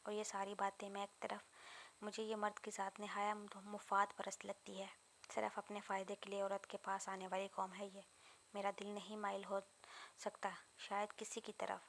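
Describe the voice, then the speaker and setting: A proud young woman student with a curt, scornful tongue, read by a woman narrator. Her voice stays level and flat in pitch while she snaps. It sounds like a storybook reading rather than full acting. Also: a little hiss or hum, lightly acted. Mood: bitter.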